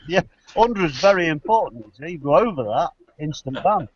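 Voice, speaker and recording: A man hosting a casual group chat over a video call, jokey and quick to laugh. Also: a little high, expressive, slight background noise. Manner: laughs often, loose and jokey. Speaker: show host. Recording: dull lo-fi call audio.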